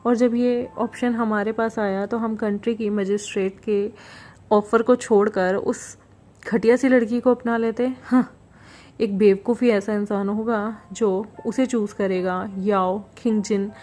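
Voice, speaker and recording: A woman's voice: mid-range voice, steady tone, unhurried, a little mellow. A woman retelling a fan fiction story in a plain, conversational way, mixing English words into her speech.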